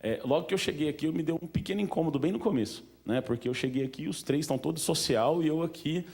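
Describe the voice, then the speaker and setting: Talking fast in a slightly high, creaky voice with a darkish tone, a man with a Brazilian Portuguese accent addresses a museum audience informally. He's conversational, poses many questions to listeners, and uses plenty of fillers.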